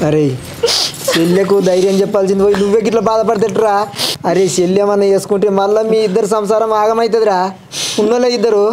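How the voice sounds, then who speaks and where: An actor playing a village brother-in-law with a Telangana Telugu accent, coaxing a grieving man to calm down. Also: high voice, fast talker, music in the background, lightly acted. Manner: coaxing, reassuring. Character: steady village brother-in-law, calming and firm.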